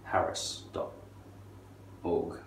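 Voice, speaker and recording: A middle-aged man delivering a rambling, sardonic and profane monologue, drawing out words and then leaning hard on others. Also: very slow. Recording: distant mic, roomy echo, faint noise.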